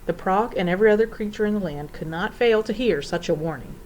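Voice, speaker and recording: A woman narrating a children's storybook in an expressive, theatrical way. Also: medium pitch, fast, slight background noise, rough recording. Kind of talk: storybook reading.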